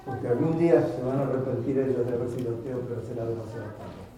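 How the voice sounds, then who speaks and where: A male pastor preaching a sermon, lively, acting out the voices of parents and children he quotes. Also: medium pitch, fast talker. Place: church. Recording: echoey church hall, mic at a distance, congregation audible.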